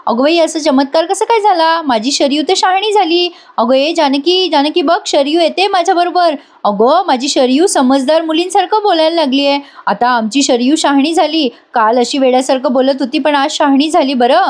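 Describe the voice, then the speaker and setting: A woman's voice: high voice, normal speed, few pauses, pitched above the performer's own voice, lightly acted. A woman reading a fussy mother-in-law. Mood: delighted. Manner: exclaiming, repeats herself. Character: fussy older mother-in-law, doting then scolding.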